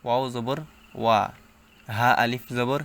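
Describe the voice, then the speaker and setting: Spelling out letters slowly and sounding every syllable, a man teaches Quran reading in a smooth, mid-range voice with a flat delivery. His patient, step-by-step drilling has him recite louder and slower.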